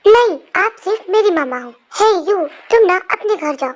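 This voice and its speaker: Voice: extremely high pitch, animated, normal speed. Young voice doing a jealous sulky little boy. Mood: whiny. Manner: whiny, sulky. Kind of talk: amateur fan dub acting.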